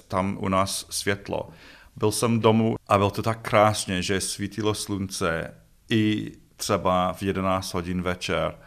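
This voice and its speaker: Low-voiced Scottish man in an interview. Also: gravelly, fairly bright tone. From Scotland. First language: English. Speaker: interview guest, festival organiser. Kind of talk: conversational interview.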